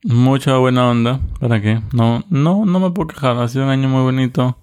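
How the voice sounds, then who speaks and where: Relaxed joking male podcast host. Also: mid-range voice, a little fast, clear, resonant tone. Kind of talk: casual chat.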